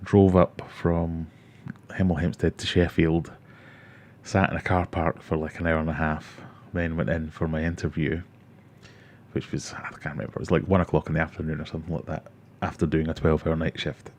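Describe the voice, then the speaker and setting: Reading viewer comments on his casual livestream, a Scottish host in his forties with a Glasgow accent talks fairly quickly in a rumbling low voice that barely shifts in pitch. His tone is a little mellow, he tells self-mocking stories, and there's a slight hiss or hum.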